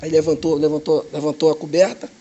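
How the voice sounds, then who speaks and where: High-voiced evangelist telling his story. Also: little pitch movement, fairly quick, mellow, lo-fi sound. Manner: dramatic, acts out other people's lines. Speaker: evangelist, podcast guest. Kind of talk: animated testimony storytelling.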